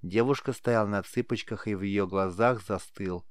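A man narrating a fantasy audiobook in a measured, scripted way. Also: fairly low pitch, no room sound, clean studio sound.

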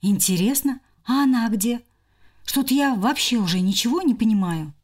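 A woman voicing a fussy young male hamster who shouts stern commands to stop a quarrel. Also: fairly high pitch, lively intonation, normal speed. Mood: puzzled.

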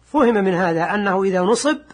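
Older man, grammar teacher, husky voice, fairly high pitch, measured, repetitive delivery. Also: expressive. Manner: measured, repeats key words, reads quoted text slowly. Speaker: sheikh teaching Arabic grammar. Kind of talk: classical grammar lesson.

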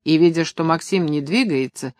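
A man's voice: fairly high pitch, normal speed, dry recording. Man narrating an audiobook, dry sound. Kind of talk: scripted narration.

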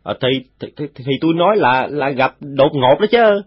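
A man's voice: fairly high pitch, lively intonation, normal speed, breathy edge, no echo. A man voicing a cheeky, boastful young village boy who stammers and chatters. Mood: flustered. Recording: dull, dry recording.

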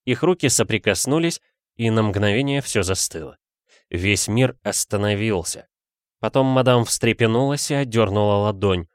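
A man's voice: on the low side, lively intonation, normal speed, clear, resonant tone, no room sound. Male audiobook narrator, dry and close. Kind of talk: scripted narration.

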